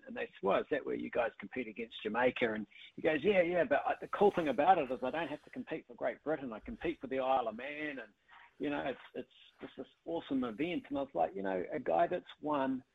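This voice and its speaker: A man's voice: fairly high pitch, gravelly, husky, narrow, tinny audio. A man giving enthusiastic, conversational analysis as a cycling commentator. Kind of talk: casual interview analysis.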